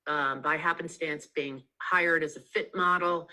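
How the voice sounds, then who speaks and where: Woman author on a video call, low bright voice, lots of ums. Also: steady tone, measured pace, rough recording. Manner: chatty, with frequent ums and restarts. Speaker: author being interviewed. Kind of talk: casual interview chat. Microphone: video call mic.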